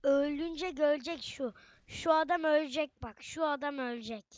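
A woman's voice: sits high, moderate pace, no room sound, lo-fi sound. A young woman giving casual, chatty gameplay commentary, often exclaiming and talking straight to her viewers. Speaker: gaming channel host.

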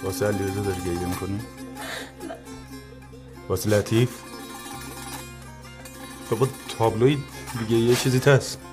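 An actor playing a brusque, teasing brother and uncle. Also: male voice, lowish voice, long pauses, music in the background, natural voice.

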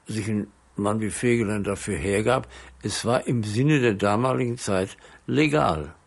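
An elderly man in his eighties recollecting in a documentary interview, halting and conversational. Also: on the low side, creaky. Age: 80s. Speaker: eyewitness interviewee. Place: dark indoor interview studio.

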